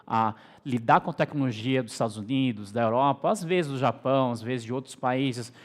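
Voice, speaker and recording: A man from Brazil giving a measured, explanatory business presentation as a guest speaker. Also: medium pitch. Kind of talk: stage presentation.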